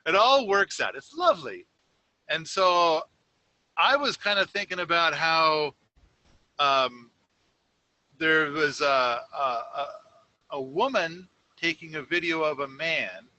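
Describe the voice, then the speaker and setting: A man's voice: on the high side, pushed and bright, lo-fi sound. A man co-hosting a casual podcast, rambling through a story with many fillers and restarts. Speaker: podcast co-host. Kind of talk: casual conversation.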